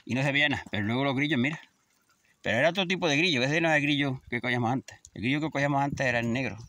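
A man's voice: mid-range voice, racing, sharp tone, no echo. A man in his fifties, a shepherd chatting casually outdoors in a vlog. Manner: chatty, scolds animals between stories. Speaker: shepherd vlogger. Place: outdoors in a field.

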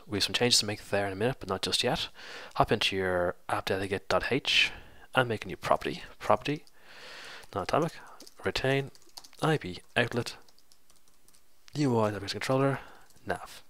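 Low, bright-toned man with a cold. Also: normal speed, no echo. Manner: casual, explaining step by step, self-correcting. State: congested with a cold. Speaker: programming tutorial host. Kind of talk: screen-recorded coding tutorial.

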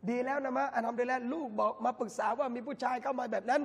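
A man, a religious lecturer, giving a lively talk at a mosque event and bantering with the audience through direct questions. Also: very high voice, rapid-fire, creaky, breathy edge. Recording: long hall reverb from a mosque.

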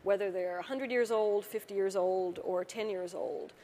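A woman's voice: medium pitch, steady tone, normal speed, mellow. Fifties woman architect on a panel, mid voice, earnest and emphatic, big hall echo. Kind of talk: panel discussion. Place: large auditorium stage. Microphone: lapel. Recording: hall reverb, faint room noise.

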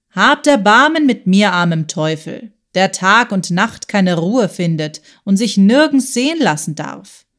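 Hörbuch-Rolle: eine Frau spricht einen gehetzten, flehenden Flüchtling, gedämpft und heimlichtuerisch. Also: female voice, mid-range voice. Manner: hushed and secretive, turning pleading. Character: frightened male fugitive, middle-aged, pleading.

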